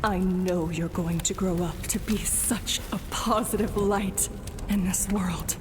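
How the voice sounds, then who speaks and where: A woman's voice: lowish voice, level tone, measured pace, noisy background, close to an everyday voice. An actress playing a brave, anguished mother in a video game, pleading and full of emotion. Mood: tender farewell. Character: anguished, brave mother of a village under attack. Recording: long reverb, music behind.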